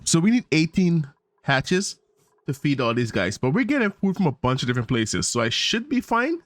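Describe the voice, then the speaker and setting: A man's voice: a little high, very animated, normal speed, no room sound. A man hosting a gaming channel, thinking aloud in casual let's-play commentary with fillers and small laughs, in a tired morning voice.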